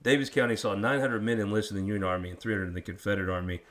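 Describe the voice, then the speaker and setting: A lower-pitched man with a rural drawl hosts a history chat. He is folksy and quick to poke fun at himself, talking casually as he asks questions. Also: steady tone, fairly bright tone. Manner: folksy, self-deprecating. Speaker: interviewer and host. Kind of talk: casual local history interview.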